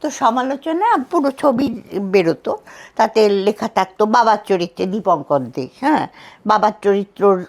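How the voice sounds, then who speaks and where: Older woman, podcast guest, actress, animated storyteller, acts out dialogue. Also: medium pitch, moderate pace. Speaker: actress and dubbing artist. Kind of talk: casual podcast chat.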